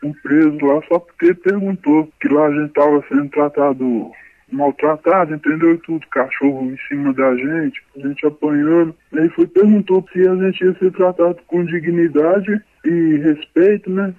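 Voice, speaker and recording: A Brazilian-accented man, his identity masked by a voice changer, speaking in a halting, plain way with frequent restarts. The disguised voice sits fairly high for a man and comes through thin and tinny, like a narrow phone band, with a completely dry, close sound. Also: fairly even intonation, no echo. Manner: halting, repeats words, plain spoken. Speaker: anonymous former inmate interviewee.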